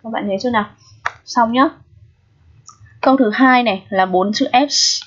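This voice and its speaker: A woman's voice: fairly high pitch, normal speed, fairly bright tone, breathy edge. A Vietnamese-accented woman teaching, going through a middle-school English exam step by step and often checking that her students follow. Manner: patient, checks in often with the class. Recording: dull lo-fi audio.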